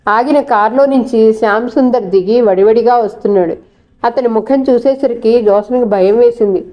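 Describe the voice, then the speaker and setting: A woman reading a novel aloud in a steady, measured storytelling style. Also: fairly high pitch, dull audio. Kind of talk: audiobook narration.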